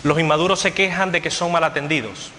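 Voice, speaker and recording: A man preaching a sermon with a bright, forceful voice, a little higher than most men. He hammers his points through repetition in a steady preaching cadence. The recording carries a long church hall echo over faint room noise. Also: brisk. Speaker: pastor.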